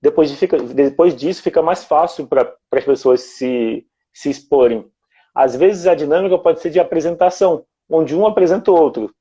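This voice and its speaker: A man's voice: a little high, moderate pace, dark tone, breathy edge, dull audio. A man from Brazil in casual conversation as a guest, explaining things step by step in a reflective way.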